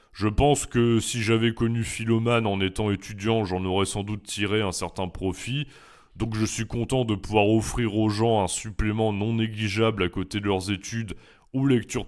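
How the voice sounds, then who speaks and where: With a lowish voice, a young Frenchman who teaches philosophy and makes YouTube videos works through his FAQ answers reflectively and at a measured pace, now and then pausing on hesitant fillers.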